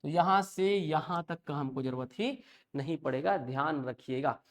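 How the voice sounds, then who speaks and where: A man's voice: fairly high pitch, normal speed. A male English teacher, lecturing a class and repeating each point as a question and answer.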